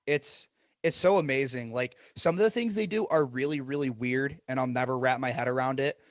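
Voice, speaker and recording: A young man co-hosting a casual podcast, speaking in a blunt, profane, joking way. His voice sits at an ordinary middle pitch. The recording is dry and close, with no room echo. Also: a little fast. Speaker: podcast co-host.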